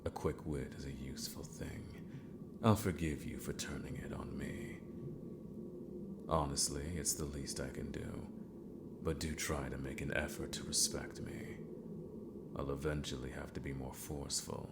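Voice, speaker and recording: In a fantasy ASMR roleplay, a man plays an eccentric, possessive sorcerer mentor, half-whispering in a gravelly, extremely low voice. He speaks with formal, condescending deliberation, level in tone and moderately paced, sounding smug and chiding. The recording is very noisy.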